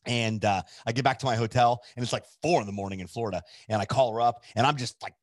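A man's voice: mid-range voice, steady tone, quick pace, no echo. A man casually telling a personal story in a loose, chatty way, full of fillers and restarts.

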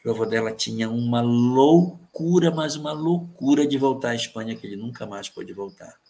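A man answering viewer questions in a calm, measured explanatory talk, repeating key phrases for emphasis. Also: medium pitch. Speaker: spiritist guest answering questions.

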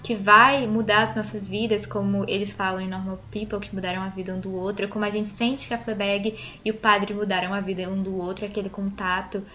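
A woman's voice: mid-range voice, level tone, brisk, hardly any pauses, pushed and bright, slight background noise. A young woman with a Brazilian accent, co-hosting a casual podcast chat in an earnest, openly emotional way. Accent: Brazilian Portuguese. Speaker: podcast co-host.

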